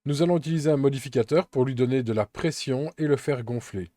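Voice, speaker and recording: A man walks through a software tutorial step by step, calm and methodical. His voice is dark and mellow, and the recording is dry and close with no room sound. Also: medium pitch, fast, dry recording. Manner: calm, methodical step-by-step explaining with occasional fillers. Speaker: Blender tutorial instructor.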